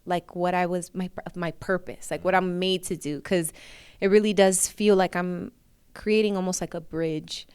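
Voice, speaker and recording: A woman in her thirties talks casually as a guest in an interview and laughs often. Her voice is very smooth and clear. The sound is dry and close. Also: lowish voice, fairly even intonation, normal speed, dry recording. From New York, USA. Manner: warm, chatty, laughs often.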